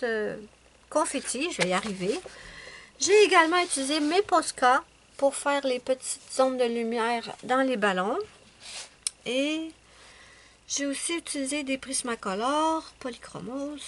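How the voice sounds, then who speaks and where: A woman with a Québécois French accent talks casually at home, with a fairly high voice. She rambles and often pauses or corrects herself. There is a faint hum under her voice. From Quebec, Canada. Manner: rambling, chatty, many hesitations and self-corrections. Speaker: adult coloring YouTuber. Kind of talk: casual chat showing finished coloring pages.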